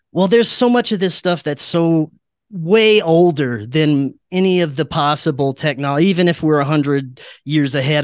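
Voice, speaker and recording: This man's voice sits on the high side and sounds smooth, recorded dry in a clean studio. He's a podcast guest chatting casually yet earnestly, telling strange stories informally as part of conspiracy and paranormal talk.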